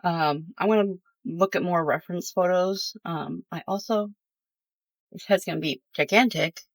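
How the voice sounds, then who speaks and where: A woman's voice: lowish voice, moderate pace, no echo. A woman chatting casually at home as a crochet vlogger, rambling with many fillers and self-corrections. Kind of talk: casual chat.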